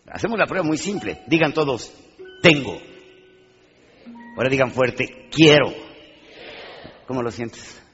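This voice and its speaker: A man giving a live motivational talk, animated and questioning his audience, acting out little scenes. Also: mid-range voice, fairly quick, breathy edge, faint music behind. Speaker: motivational speaker. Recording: dull, reverberant hall sound.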